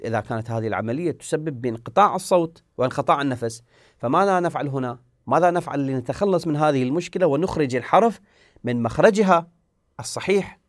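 Man teaching recitation, slightly high voice. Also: no room sound, studio quality. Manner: asks questions and answers them himself; sounds out letters to demonstrate. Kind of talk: recitation lesson.

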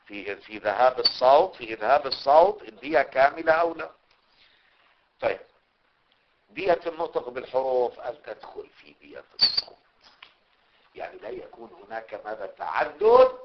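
A man teaching a class on a religious legal text, constantly quizzing his students with fill-in questions and repeating key words. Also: a little high. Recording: muffled lo-fi recording.

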